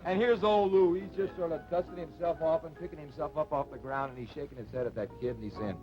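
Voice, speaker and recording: An actor playing a ballplayer eagerly telling a dugout story in a 1950s TV drama. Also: male voice, a little high, quick pace, lightly acted. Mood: animated. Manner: animated, lively storytelling. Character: animated, story-telling male ballplayer teammate. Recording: dull old TV broadcast with music.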